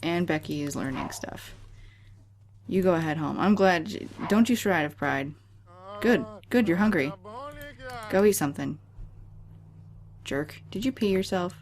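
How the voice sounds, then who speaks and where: A woman with a notably low voice giving casual let's-play commentary. She talks to the game in a sarcastic, chatty way, teasing the characters as she plays. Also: expressive, unhurried, pauses often.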